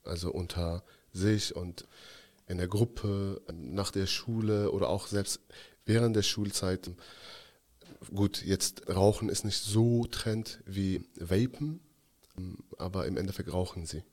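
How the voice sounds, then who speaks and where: A man's voice: low-pitched, fairly even intonation, takes it slowly, a little mellow. A young man from Afghanistan, a podcast guest telling his story in a hesitant, reflective way with many fillers. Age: 20s. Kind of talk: casual interview talk.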